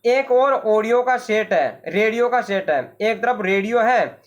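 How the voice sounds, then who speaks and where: A Hindi teacher explaining a school play, going slowly and repeating each point, pausing to give the meanings of words. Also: mid-range voice, expressive. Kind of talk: classroom lesson explanation.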